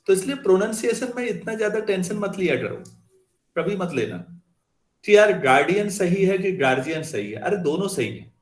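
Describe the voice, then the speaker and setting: Man lecturing a class, slightly high voice, chatty, checks students understand, echoey classroom. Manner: conversational, asks students questions. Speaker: math teacher.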